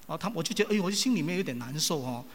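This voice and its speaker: A man's voice: fairly high pitch, rapid-fire, husky. A male preacher giving a sermon full of personal stories, acting out the people he quotes. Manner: animated, acts out quoted people. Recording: long reverb of a large hall.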